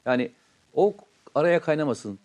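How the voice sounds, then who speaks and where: A man co-hosting a casual live show who talks in a brisk, practical way while planning what comes next. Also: fairly high pitch, expressive, darkish tone. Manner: brisk, practical, plans the running order. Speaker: co-host. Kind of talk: casual live-stream chat.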